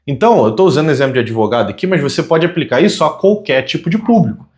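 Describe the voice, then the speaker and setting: A Brazilian man and communication consultant giving a conversational teaching monologue to camera, asking many rhetorical questions and slowing down on key words. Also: on the high side, animated, darkish tone. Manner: self-described fast talker.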